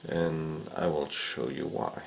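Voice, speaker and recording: Working at an indoor bench, a man demonstrates fishing rod repair in a casual how-to style, unhurried and full of filler sounds. His bass voice is flat in delivery, slow and marked by vocal fry. Slight background noise can be heard.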